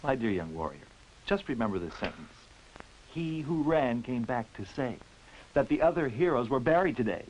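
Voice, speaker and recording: A man playing a sententious elder adviser in a dubbed old horror film, with measured delivery. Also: medium pitch, lively intonation, darkish tone, lightly acted, rough recording. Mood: wry, solemn. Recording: hissy old film soundtrack.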